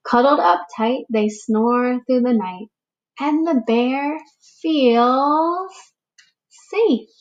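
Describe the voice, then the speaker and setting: A woman teacher reading a picture book aloud to young children, slow and expressive, giving the animals little voices. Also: high-pitched, dull audio. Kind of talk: read-aloud storytime for children.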